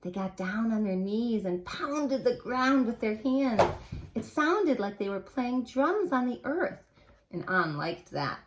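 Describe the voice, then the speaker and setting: A woman's voice: fairly high pitch, sing-song, takes it slowly, background noise. A woman and preschool teacher reading a children's story aloud expressively and asking the listeners questions.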